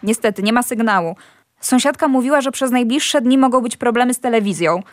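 An actress playing a young wife and mother who is anxious but steady, in an audio drama. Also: a little high, brisk, a little hiss or hum, close to an everyday voice. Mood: calming.

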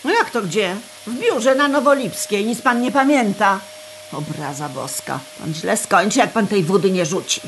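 A woman's voice: medium pitch, animated, normal speed, a little hiss or hum, natural voice. A woman playing a grumbling, blunt cleaning lady with colloquial speech in an audio drama. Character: grumbling, scolding cleaning lady, married and fed up.

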